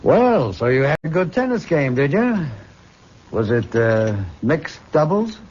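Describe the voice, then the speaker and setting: Playing a possessive middle-aged professor and hypnotist in an old-time radio drama, a male actor probes with jealousy while coaxing in a deliberate, condescending manner. His voice is a little high, very animated and slightly mellow, heard on a muffled, noisy old recording.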